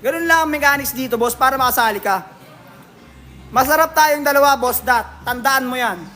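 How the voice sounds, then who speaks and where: High, bright-voiced Filipino man chatting. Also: moderate pace, faint music behind. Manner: jokey, teasing, laughs often, calls viewers "boss". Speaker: livestream host at a billiards hall. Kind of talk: casual livestream chat reading comments.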